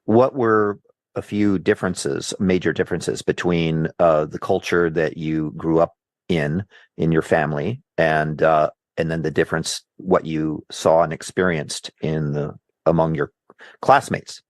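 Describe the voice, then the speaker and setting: A man's voice: a bass voice, steady tone, unhurried, no echo. A man hosting a podcast, asking probing questions with fillers and short acknowledgements. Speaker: podcast host, interviewer. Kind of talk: interview questions.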